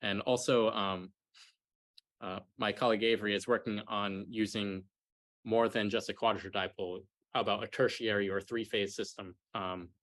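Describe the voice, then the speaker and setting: A young man presenting technical work as a graduate student and answering questions, hesitant and hedging, with halting pauses. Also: fairly low pitch, steady tone, a bit bright, dry recording. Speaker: graduate student defending a thesis.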